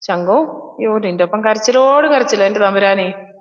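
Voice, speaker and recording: Woman, livestream host, casual chat, teasing, quick bursts of talk, echoey room. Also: medium pitch, expressive. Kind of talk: casual livestream chat, reading viewer comments. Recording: echoey, reverberant room, slightly dull sound.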